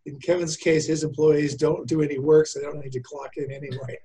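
Husky, mellow-toned teasing host. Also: male voice, on the high side, flat delivery, a little fast, rough recording. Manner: teasing, loose. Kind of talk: casual panel chat.

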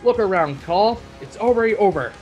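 A man's voice: a little high, moderate pace, highs cut off, soft background music, close to an everyday voice. A man voicing an arrogant male armored warrior champion who taunts his foe. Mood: taunting. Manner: taunting, boastful.

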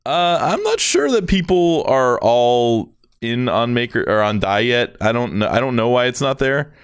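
A man co-hosting a podcast in a relaxed, joking casual chat. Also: mid-range voice, moderate pace, smooth. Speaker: podcast co-host.

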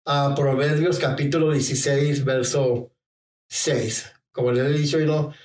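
A middle-aged man preaching a sermon in a halting way, often repeating a filler phrase and slipping into English phrases. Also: medium pitch, steady tone, a little mellow. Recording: echoey room, from far off.

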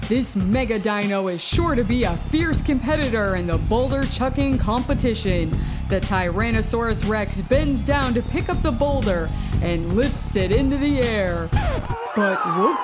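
A woman narrating a children's story as an exclamatory, theatrical sports announcer. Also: fairly high pitch. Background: music.

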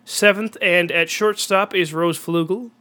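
A young man with a cold, sounding congested and clearing his throat, hosting an excitable amateur commentary on a baseball video game. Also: high-pitched, a little slow. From Minnesota. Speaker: host and play-by-play announcer.

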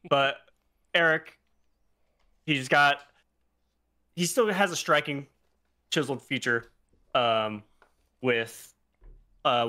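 A man at a tabletop game table, describing the look of his character. His voice is bright and forward. He talks in a playful way, laughing often. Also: medium pitch. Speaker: player.

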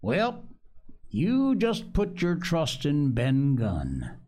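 A man's voice: a little high, wildly swooping pitch, very slow, mellow, heavily acted. A man voicing a half-crazed marooned sailor in an audiobook, sly, childishly eager and talkative, with rustic, ungrammatical speech and repeated words. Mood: friendly, wheedling.

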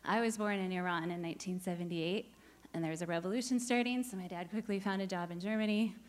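Speaking fast at a medium pitch, an American woman in her forties fields questions in a church service as part of the search team. She relies on notes and sounds candid though slightly nervous.

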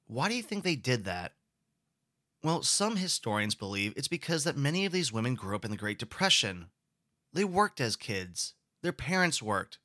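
Brief: a male lecturer who explains and poses questions, with a bright tone and a dry, close recording. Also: medium pitch, very animated, moderate pace, no echo. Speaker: history lecturer.

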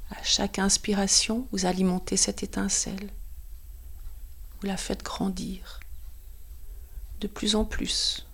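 A woman leads a guided meditation in a soothing, hushed, breathy voice that is often close to a whisper, in short phrases with pauses. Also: medium pitch, level tone.

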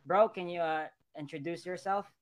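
A man speaks as a podcast host in a casual live interview. His voice sits a little higher than most men's. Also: moderate pace.

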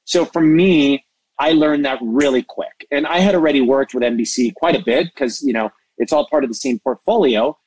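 In a rough, dry recording with no echo, a man who works as an entertainment media executive and mentor gives an animated interview. His mid-range voice moves at a moderate pace, and he comes across as expressive and passionate, describing himself as hyper.

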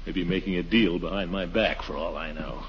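An actor playing a pompous, anxious middle-aged uncle in a blustering, theatrical 1940s radio comedy style. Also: male voice, low voice, normal speed. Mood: gloomy. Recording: dull, noisy 1940s radio recording.

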